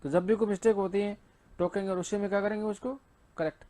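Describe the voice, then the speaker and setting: A man's voice: high voice, fairly even intonation, fast talker, dark tone. A male teacher giving an exam-prep lecture, asking and answering his own questions and reading English lines in a Hindi accent.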